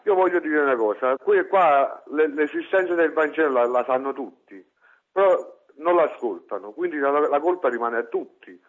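A man's voice: fairly high pitch, expressive, normal speed. A man calling in to a radio show over the phone, polite and hesitant, often repeating his words. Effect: heard over the phone. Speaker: radio call-in listener. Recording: dull, muffled phone line.

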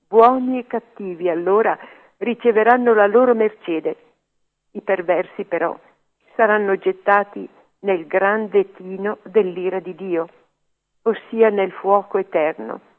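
A man reading a scripture passage aloud in a solemn, measured way. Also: high voice. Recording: tinny radio line.

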